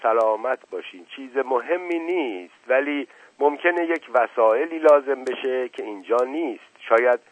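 A man voicing a gentle, reassuring middle-aged family doctor. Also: mid-range voice, animated, no room sound, pitched above the performer's own voice, lightly acted, low-quality recording.

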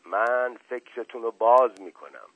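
A man's voice: mid-range voice, dry recording, close to an everyday voice. Man doing a harsh bullying schoolteacher. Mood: mocking. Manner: sarcastic, shouting. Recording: narrow tinny phone-like sound, dry.

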